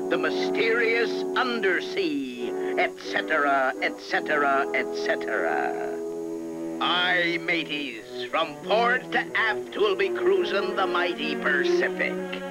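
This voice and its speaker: A gruff old salt of a cartoon duck captain, pitched high and full of grandiose sailor talk. He takes his time with the words, jovial and theatrical. Loud music plays behind him on a 1960s television soundtrack. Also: low-quality recording. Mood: hearty, welcoming.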